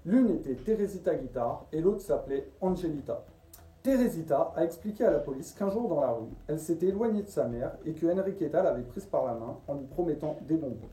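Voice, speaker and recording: Muffled, very dark-voiced man narrating in a roomy space. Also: fairly high pitch, lively intonation, a little fast. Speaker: storyteller, channel host. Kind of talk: scripted true-crime narration. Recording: roomy echo, distant from the mic.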